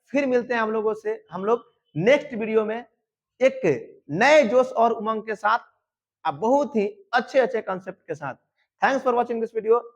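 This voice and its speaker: A man teaching an exam-prep grammar lesson, lively and colloquial, often asking his students rhetorical questions. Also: high voice, dull audio. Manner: colloquial and teasing. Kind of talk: online exam-prep lecture.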